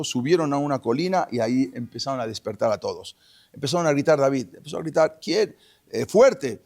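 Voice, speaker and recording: A man retelling a Bible story in a lively, animated way, with asides to his listeners. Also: medium pitch, vocal fry. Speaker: religious storyteller.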